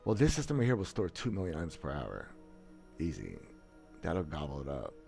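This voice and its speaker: Soft music plays behind a man in his thirties, a gaming streamer, as he gives casual livestream commentary into a headset mic, framed by a webcam in a small room where he sits. His darkish bass voice swoops wildly in pitch, moves a little fast and carries vocal fry. The talk is blunt and boastful, full of stammers and restarts.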